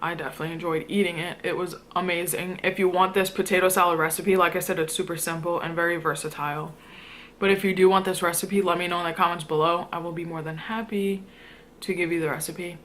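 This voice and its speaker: A woman's voice: on the low side, steady tone, fast, a bit bright. Casual young woman vlogger, noisy background. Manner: informal, slangy, rambling delivery. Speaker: food vlogger. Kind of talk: casual mukbang chat to viewers.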